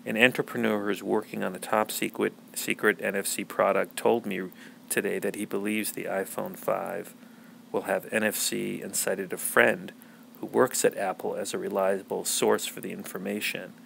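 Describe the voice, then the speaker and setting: A man's voice: fairly low pitch, flat delivery, moderate pace, vocal fry, a bit bright, slight background noise. A man hosting a podcast, talking through tech news in a casual, rambling way with many fillers and restarts. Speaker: podcast host.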